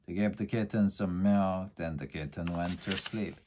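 A man narrating a children's storybook aloud with a low voice. His reading is plain and evenly paced, steady from one sentence to the next. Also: moderate pace. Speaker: storybook reader.

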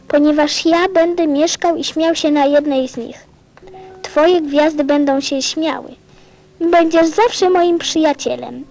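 An actress playing a gentle, wistful little boy from a star in a radio play, speaking tenderly. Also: high-pitched, rough recording.

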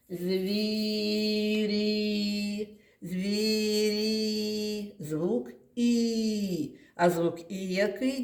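A woman teacher leads young children through a lesson in a slightly low voice, speaking very slowly. She draws syllables and sounds out one by one and praises the class often. The room gives her voice a noticeable echo. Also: a little mellow. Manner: slow, stretching syllables and sounds apart. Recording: echoey classroom.

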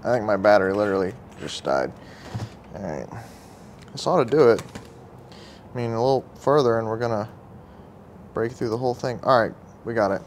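A man's voice: on the low side, normal speed, long pauses, slight background noise. Man muttering through garage repairs. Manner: relaxed, muttering asides to himself. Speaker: vlogger working on a carburetor. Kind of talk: casual running commentary while working. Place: outdoor workshop table beside a truck.

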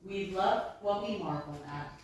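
Speaking a little slowly in a mid-range voice, a woman in her thirties presents a slide talk on maritime archaeology in a library, addressing listeners in a warm, chatty way. She holds a handheld microphone, yet she sounds far off in the very echoey room, with slight background noise.

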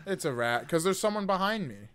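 A man's voice: high voice, sing-song, fairly quick, a bit bright, a little hiss or hum. A man in his twenties giving jokey, nervous, casually profane commentary as he streams a scary video game, close to a desktop microphone. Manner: nervous, jokey reactions to scares. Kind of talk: live horror game commentary. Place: indoor gaming room.

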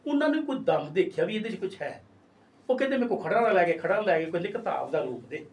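Fast-talking older man poet, high voice. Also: lively intonation, a little mellow, distant mic. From Punjab, India. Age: 60s. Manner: storytelling, acts out quoted voices. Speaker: poet, interview guest. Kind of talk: casual interview talk.

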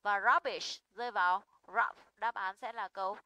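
A woman's voice: mid-range voice, fairly even intonation, moderate pace, sharp tone, no echo, lo-fi sound. A young woman teaching an English pronunciation lesson. She is patient and often checks in with her students.

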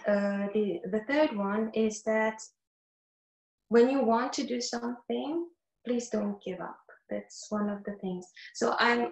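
On a video call from a wood-panelled room, a middle-aged Korean flutist whose first language isn't English speaks earnestly in a casual panel discussion. Her voice sits a little high, and she hunts for words between frequent fillers. The room sounds echoey.

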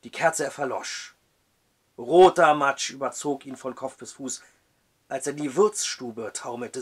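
Man reading a dark novel aloud. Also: fairly high pitch. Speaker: book reviewer.

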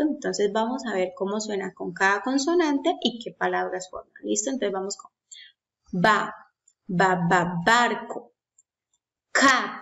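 Slow, syllable-stretching preschool teacher woman. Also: mid-range voice. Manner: stretches words and stresses each syllable loudly. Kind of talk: slow, drawn-out syllable drills for young children. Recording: dull lo-fi sound.

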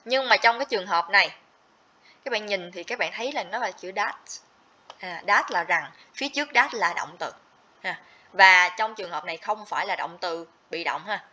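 Woman, livestream teacher, checks in with students, sharp tone, muffled recording. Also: medium pitch, moderate pace. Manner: explains step by step, checks in with students often. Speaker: TOEIC teacher. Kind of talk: livestream grammar lesson. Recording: slightly dull lo-fi audio.

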